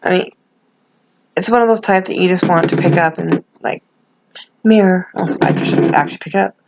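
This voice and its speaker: A woman's voice: lowish voice, fairly quick, creaky, highs cut off, noisy background. A middle-aged woman chatting casually as a vlogger, rambling and self-deprecating, with gummy, toothless articulation and no dentures in. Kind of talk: casual chat to camera.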